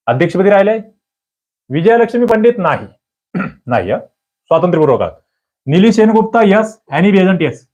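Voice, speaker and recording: Frequently clearing his throat, a medium-pitched man gives an exam prep lesson in quiz form, captured on a muffled recording. He energetically asks his audience questions before supplying the answers on his own.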